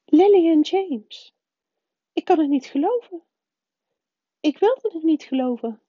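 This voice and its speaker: A woman reading aloud voices a stern older female professor who talks in a high, urgent, faltering way. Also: expressive, a little slow, warm tone, no room sound. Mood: shaken, tearful. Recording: dull, dry lo-fi recording.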